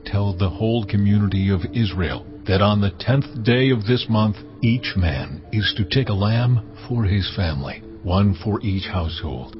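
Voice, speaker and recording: God , voiced by a man, deep commanding divine figure, authoritative decrees, lo-fi with music. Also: lightly acted. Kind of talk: dramatized audio Bible acting. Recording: dull lo-fi sound with clear music.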